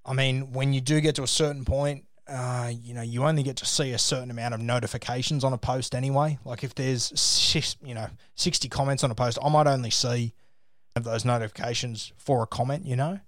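A man's voice: mid-range voice, fairly even intonation, brisk, no echo. Dry-sounding, blokey Australian man. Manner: blokey, matey, swears freely. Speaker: social media sports page creator giving advice. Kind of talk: casual phone chat.

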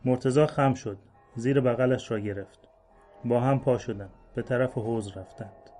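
A man reads a literary short story aloud, letting the sentences unfold in a measured, slow-building way. His voice is mellow and dark at a middle pitch. Quiet instrumental music sits faintly underneath. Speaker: story reader.

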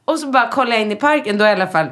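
Woman, thirties, casual chat, animated storytelling, swears a lot, acts out quotes. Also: a little high. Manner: animated anecdote telling, acting out quotes; swears often.

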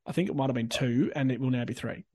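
A man's voice: medium pitch, fast talker, warm tone, no room sound, clean studio sound. An Australian man hosting a podcast, chatting casually and informally about sport. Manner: informal, conversational. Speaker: podcast host.

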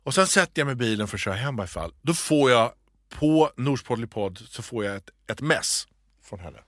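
A man co-hosting a podcast, telling a story in a casual, animated way and acting out the voices he quotes. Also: mid-range voice, no echo, clean studio sound. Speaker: podcast co-host.

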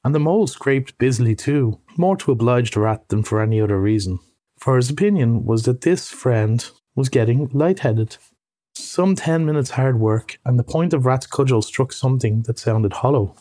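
A man reads a classic storybook aloud in a calm, measured way. His voice is mellow and warm, middle-pitched and unhurried. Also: no room sound. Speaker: reader. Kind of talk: audiobook reading.

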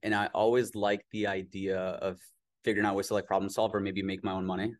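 A man's voice: on the low side, a little fast, no echo. A man from Albania, a company founder, talking casually in an interview and saying "like" often. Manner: relaxed, says "like" often.

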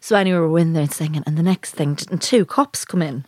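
A woman's voice: low-pitched, fast talker, no room sound, clean studio sound. A woman telling rowdy, self-mocking stories in casual chat, laughing as she goes. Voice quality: lively and animated, laughing through stories.

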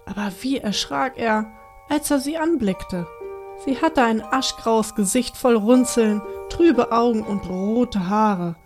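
A woman narrating a bedtime fairy tale for children in a calm, measured storytelling manner. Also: fairly high pitch, soft background music.

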